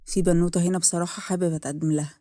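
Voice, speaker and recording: A man's voice: high voice, flat delivery, rapid-fire, dark tone, no room sound, studio quality, natural voice. A woman voicing a polite, eager young suitor with an Egyptian accent, speaking earnestly. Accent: Egyptian Arabic.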